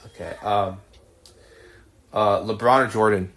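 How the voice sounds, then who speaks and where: A man hosting a podcast, firing off quick this-or-that questions with brief, low-key acknowledgements. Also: fairly even intonation, a bit bright. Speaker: podcast host. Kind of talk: casual rapid-fire this-or-that interview.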